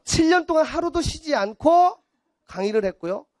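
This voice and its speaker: A man's voice: extremely high pitch, sing-song, normal speed, a little mellow, no room sound. A man in his forties lecturing a class on math, blunt and teasing, acting out little scenes of the people he talks about.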